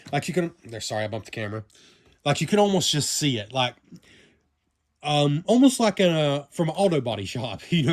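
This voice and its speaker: A man from the American South with a Southern accent, casually reviewing a vinyl toy in a rambling, chatty way full of fillers and self-corrections. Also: medium pitch. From Southern United States. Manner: talks to himself while handling the toy.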